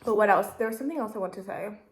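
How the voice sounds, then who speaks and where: A woman's voice: mid-range voice, racing, a little hiss or hum. Rambling twenty-something woman chatting while eating. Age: 20s. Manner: chatty, rambling, heavy use of "like" and "literally"; talks while eating, mouth full. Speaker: vlogger. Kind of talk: casual mukbang chat.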